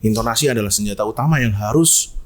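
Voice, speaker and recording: Fairly low in pitch and quick in pace, this man chats casually on a podcast in Jakarta slang. He hosts esports events, and he tells his stories with animation, performing the quoted lines.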